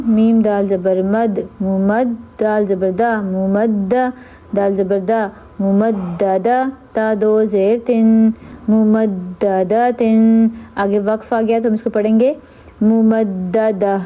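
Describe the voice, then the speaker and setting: A woman teaching Quran reading who spells out letters and vowel marks, then repeats each word slowly, humming doubled letters through the nose. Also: mid-range voice, warm tone. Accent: Urdu. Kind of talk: slow spelled-out recitation lesson.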